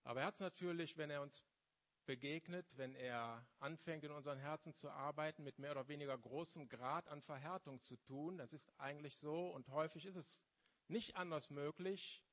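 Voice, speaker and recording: A man in his fifties giving a testimony sermon in a church, often pausing and searching for words before building to fervent emphasis. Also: a little high, a bit bright. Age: 50s. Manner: halting, searching for words, then rising with fervor. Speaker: lay preacher.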